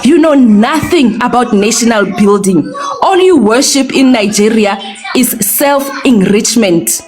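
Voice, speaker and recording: A South African woman with a high voice speaks in an emphatic, lecturing tone. She pushes her points hard and climbs into shouting at her peaks. She sounds like a caller holding the floor in a live discussion. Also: lively intonation, measured pace, music in the background. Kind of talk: impassioned speech.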